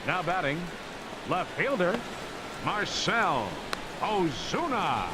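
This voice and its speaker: A man voicing a formal ballpark announcer in a video game, heard over a stadium PA system with a drawn-out, booming delivery. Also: big pitch swings, heavy background noise, full character voice. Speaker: stadium public address announcer. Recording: loudspeaker echo over a loud stadium crowd.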